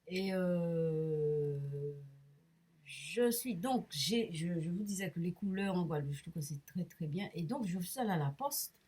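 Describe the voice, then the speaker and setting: A middle-aged woman telling about her experiences in a rambling personal vlog, hesitant and full of restarts, sometimes dropping to a soft murmur. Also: lowish voice, unhurried, breathy edge. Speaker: medium vlogger. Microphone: camera mic.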